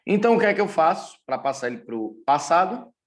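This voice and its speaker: A man from Brazil teaching English grammar in a recorded lesson, speaking deliberately and repeating key points. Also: a little high, very animated.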